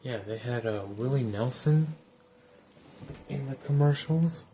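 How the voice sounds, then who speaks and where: A man's voice: mid-range voice, unhurried, mellow. A man streaming a video game live, giving casual, rambling commentary and reading the player's dialogue lines aloud, with faint hiss behind him.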